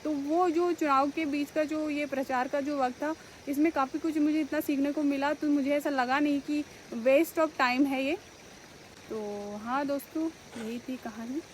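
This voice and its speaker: A woman's voice: high-pitched, steady tone, a little slow, a little hiss or hum, low-quality recording. A young woman answering viewer questions in a casual vlog, earnest and grateful as she reflects. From India. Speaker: village head and vlogger.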